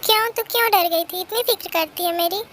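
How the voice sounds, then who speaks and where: A woman's voice: very high voice, brisk, fairly bright tone, slight background noise. A woman voicing a remorseful young man who apologetically pleads with his best friend. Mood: pleading.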